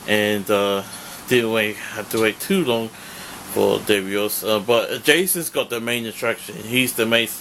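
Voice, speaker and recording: A man's voice: on the low side, unhurried, a bit bright, slight background noise, rough recording. A man recapping his convention day in a casual vlog, rambling with lots of fillers and swearing. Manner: rambling, profane, heavy fillers. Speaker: vlogger.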